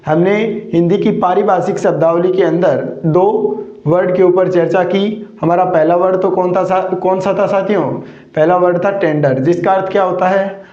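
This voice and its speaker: A male teacher with a fairly high, mellow voice runs a vocabulary lesson. He fires questions at his students and answers them himself, drawing key words out slowly. The recording sounds roomy and a bit dull. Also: fairly even intonation.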